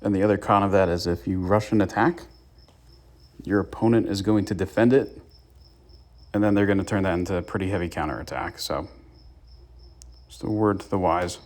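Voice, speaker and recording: A man's voice: low voice, steady tone, brisk, pauses often, darkish tone. A young man giving casual gameplay commentary and tips to his viewers as the channel's host. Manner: chatty, gives tips to viewers. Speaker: gaming YouTuber.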